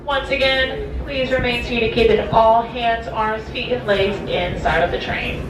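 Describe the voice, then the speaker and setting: A woman working as a train conductor, calmly repeating safety instructions over an outdoor public-address loudspeaker. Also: fairly high pitch, unhurried, distant mic. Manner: calm and repetitive instructions. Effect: live public-address loudspeaker outdoors. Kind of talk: safety announcement. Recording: echoey loudspeaker heard from afar, with noise.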